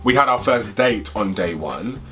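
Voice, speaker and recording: A young man from the UK co-hosting a vlog, chatting casually in a playful, animated way. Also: lowish voice, unhurried, soft background music. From United Kingdom. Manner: animated and playful, bursts into excited squeals. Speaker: co-host. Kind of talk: casual chat.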